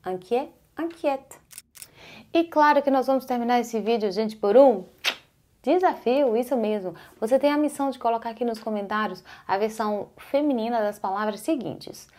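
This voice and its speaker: A woman teaching a casual online French lesson, slowly repeating words for the viewer and encouraging them to practice along. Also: a little high, a little mellow. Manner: slow careful pronunciation drills, repeating words.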